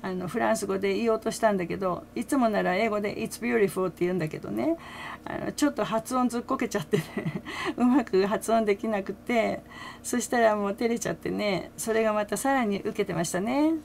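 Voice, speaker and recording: Chatty older woman with a gravelly voice. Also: medium pitch, a little fast, darkish tone, slight background noise. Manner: chatty, laughing often, many fillers. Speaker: fan commentator. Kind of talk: casual chat.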